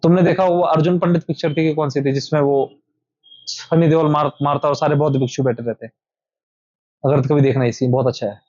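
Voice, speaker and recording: A man's voice: a little high, fairly even intonation, a little fast, a little mellow, no echo, lo-fi sound. A man teaching meditation to a small group in an informal talk, repeating his points and speaking straight to his listeners. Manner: repetitive, instructive, addresses listeners directly. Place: indoor meetup room.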